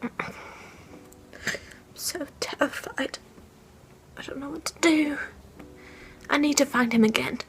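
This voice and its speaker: Woman acting out a young woman haunted by nightmares, talking low and faltering into whispers, faint hum behind her. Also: rough recording. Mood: frightened. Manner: hushed, halting, often whispering. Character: frightened young woman haunted by dreams of falling. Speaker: vlogger. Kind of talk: in-character fan fiction vlog. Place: at home. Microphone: camera mic.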